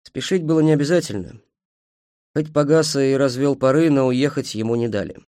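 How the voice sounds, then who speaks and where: A man narrating an audiobook in a calm, matter-of-fact way. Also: medium pitch, brisk, clean tone, dry recording, clean studio sound.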